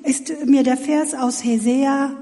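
A woman's voice: high-pitched, steady tone, slow pace, dark tone, faint music behind. A woman interpreting a sermon phrase by phrase, with small stumbles and restarts. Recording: reverberant hall.

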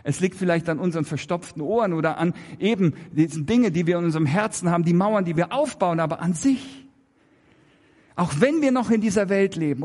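Man, preacher giving a sermon; high, emphatic, leans on rhetorical questions, drops to a hush; long hall echo. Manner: emphatic, rhetorical questions, swings between raised and hushed delivery.

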